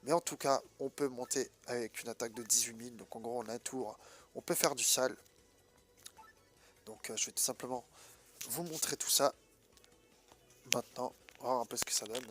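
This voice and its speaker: A man's voice: mid-range voice, normal speed, pauses often, a bit bright, soft background music. A man with a stuffed-up, nasal voice from a head cold, giving casual, colloquial gameplay commentary and hesitating as he thinks aloud. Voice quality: congested, nasal. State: sick with a blocked nose. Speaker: gaming video host.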